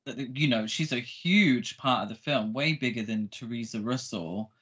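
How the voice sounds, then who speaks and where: A man's voice: medium pitch, normal speed, fairly bright tone, husky. A man co-hosting a film podcast in casual, conversational discussion. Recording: slightly dull, lo-fi mic.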